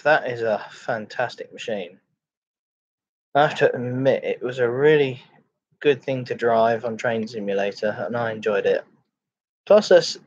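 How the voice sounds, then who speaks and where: Male livestream host, unhurried and halting delivery, informal chat with viewers, muffled low-fidelity mic. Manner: halting, repeats phrases. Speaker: live streamer, host of a chat and ASMR stream. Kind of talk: casual livestream chat, greeting viewers and reading comments. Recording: dull lo-fi microphone sound.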